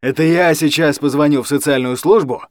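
A man's voice: a little high, brisk, darkish tone, no room sound, natural voice. A man voicing a drunk, boorish middle-aged guardian who slurs and mumbles his words, in a storybook reading. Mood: threatening, shouting.

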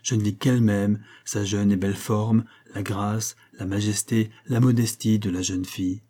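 A man reading a classic novel aloud as a first-person audiobook narration, earnest and measured. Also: lowish voice, little pitch movement, mellow. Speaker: audiobook reader.

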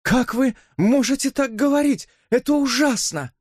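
A man's voice: extremely high pitch, lively intonation, moderate pace, no echo, studio quality, voice pushed up. Man voicing a tense, earnest young woman. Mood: indignant. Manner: tense, pleading, trembling. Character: earnest, anxious young woman protecting her brother. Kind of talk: audiobook reading.

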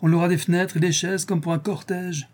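Un homme jouant le squelette, forçat fanfaron. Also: male voice, sits high, fairly even intonation, fairly quick, a little mellow, voice pushed up, lightly acted. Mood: exalted. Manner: swaggering, boastful. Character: boastful hardened male convict, savage bravado.

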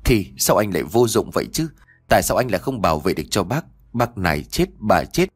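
A man's voice: on the low side, very animated, brisk, slightly rough. A man voicing an injured, grief-stricken young husband in an audio story, distraught and self-blaming.

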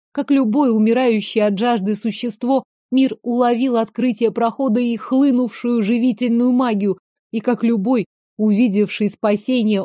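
A woman's voice: fairly high pitch, warm tone, no echo. A woman narrating a first-person fantasy audiobook in a dramatic, emotive reading, recorded on a close mic.

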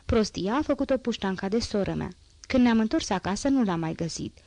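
A woman voicing a poor teenage girl with a hoarse, strained voice, chatty and boastful yet anxious, in a dry audiobook reading. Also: mid-range voice, expressive, a little mellow, no echo, lightly acted. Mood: eager.

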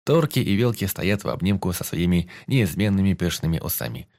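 Deep male narrator, dramatic first-person audiobook read, dry close sound. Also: animated, brisk, a little mellow, no echo. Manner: intense, dramatic reading.

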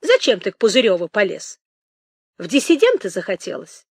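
A man's voice: high voice, wildly swooping pitch, moderate pace, husky, no room sound, clean studio sound, exaggerated voice. A woman voicing a dazed, bewildered man who asks confused, pleading questions. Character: dazed, bewildered man being hurried along.

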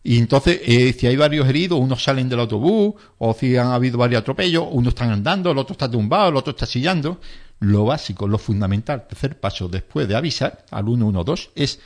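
A man's voice: medium pitch, lively intonation, fast talker. Male instructor type, emphatic and repetitive, explains first aid plainly. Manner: emphatic, repetitive, acts out panicked bystanders in quotes. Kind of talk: explanatory interview talk.

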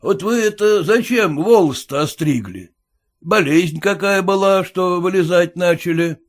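A crude, overbearing merchant landlord drawls his words slowly and condescendingly, as a male reader acts him out. He sounds tipsy and full of himself. His voice rises and falls widely. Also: sits high, animated, pitched above the performer's own voice.

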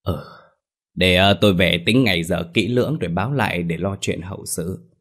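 A man voicing a stern elderly village ritual master in a ghost story, grave, measured and commanding. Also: deep voice, fairly bright tone.

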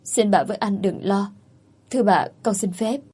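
In this storybook reading, a woman voices a crafty young woman who puts on a pleading, tearful act. The voice has a husky, breathy edge and sits at an ordinary pitch. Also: normal speed, dark tone, lightly acted. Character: young woman, sly, plays the pitiful victim.

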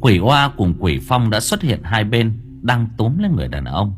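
A man narrating a dramatic audiobook in an expressive, animated way. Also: lowish voice, normal speed, faint music behind.

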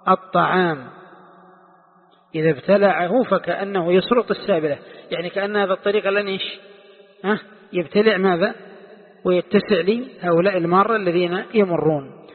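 A man's voice: high voice, moderate pace, long pauses. A man, a sheikh teaching a text in a classroom lesson and quizzing his students with rhetorical questions. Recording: tinny lo-fi recording with long hall reverb.

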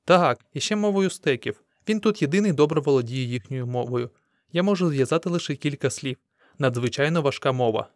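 A man's voice: medium pitch, expressive, a little fast, no room sound, studio quality, natural voice. A man voicing an old male prospector in a storybook, speaking in a raised, emphatic way. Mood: matter-of-fact. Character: old male prospector, excitable and loud-spoken.

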